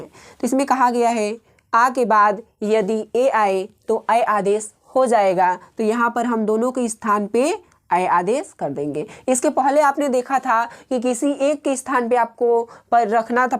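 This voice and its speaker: A woman with a slightly high voice teaches grammar at a patient, measured pace. She repeats each rule and pauses often as she walks through the examples. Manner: patient, slow and repetitive, pausing often. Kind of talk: explaining grammar rules step by step.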